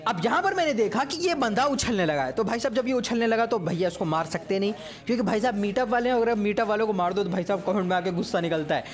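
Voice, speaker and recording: A man giving casual, joking commentary over footage of his own mobile game match. He speaks at an ordinary pitch and keeps addressing viewers as brothers. Faint music plays under his voice. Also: animated, quick pace, few pauses. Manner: chatty, teasing, keeps saying "bhai sahab".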